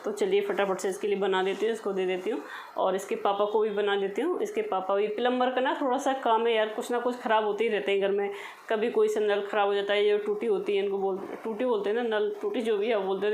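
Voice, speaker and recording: A woman's voice: mid-range voice, slight background noise, poor audio. A woman in her thirties chatting casually to viewers in a home vlog, talking to them directly. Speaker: vlogger.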